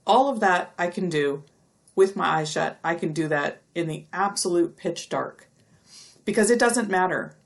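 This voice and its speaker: A middle-aged woman giving a recorded lecture, explaining step by step and stretching out speech sounds slowly to demonstrate them. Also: lowish voice, gravelly. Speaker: university lecturer.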